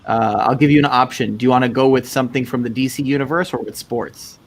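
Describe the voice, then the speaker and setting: A man hosting a casual conversation, relaxed, asking open questions. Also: mid-range voice, fast talker. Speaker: host.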